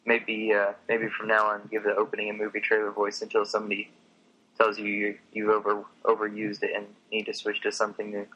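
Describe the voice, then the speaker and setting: A man co-hosting a podcast, chatting casually with quick joking replies. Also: on the low side, monotone, pushed and bright, husky, muffled recording. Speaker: podcast co-host. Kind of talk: casual chat.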